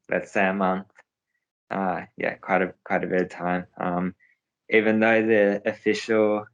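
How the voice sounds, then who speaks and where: A man's voice: low voice, low-quality recording. A young man, a professional cyclist, answering interview questions in a hesitant way, with many fillers and restarts.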